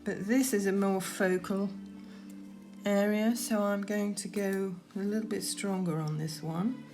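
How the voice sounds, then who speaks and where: A woman giving gentle, unhurried painting instruction, talking through her work as she goes, with trailing pauses. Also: medium pitch, steady tone, music in the background. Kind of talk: unscripted painting demonstration, talking while working.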